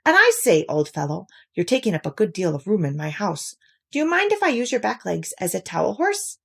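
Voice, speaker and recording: A woman's voice: mid-range voice, sing-song, a little fast, creaky, breathy edge, heavily acted. A woman voicing a practical, stern male storybook rabbit with a fussy, matter-of-fact manner. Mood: cheerful.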